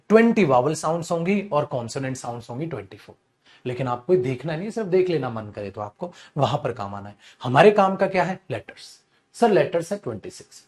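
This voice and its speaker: A man with a high-pitched voice teaching English grammar in a Hindi accent. He poses questions to his students and answers them himself, calling them "beta" in a steady lecture rhythm. It sounds like a classroom lecture.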